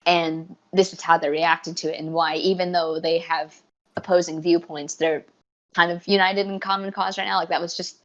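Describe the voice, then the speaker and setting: A woman's voice: on the low side, flat delivery, normal speed, muffled recording. A woman co-hosting a podcast in casual chat, eager and rambling, often restarting her sentences. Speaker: podcast co-host.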